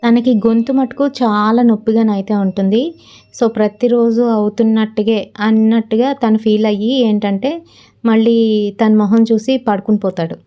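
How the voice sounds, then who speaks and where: A woman telling a horror story in a casual, relaxed way, with frequent fillers. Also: a little high, moderate pace, dull audio.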